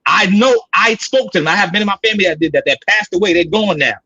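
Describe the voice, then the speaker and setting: Man, 30s, high husky voice, insistent, talks over others, dull lo-fi audio. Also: fast, sharp tone, dry recording. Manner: insistent, repeats himself, cuts others off. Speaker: podcast panelist. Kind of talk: heated debate.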